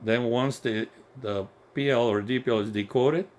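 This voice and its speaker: This non-native English-speaking man, a radio technician, gives an upbeat, informal technical walkthrough of repeater gear at a moderate pace and medium pitch. He's indoors in a home electronics workshop, and the clear recording carries workshop background noise.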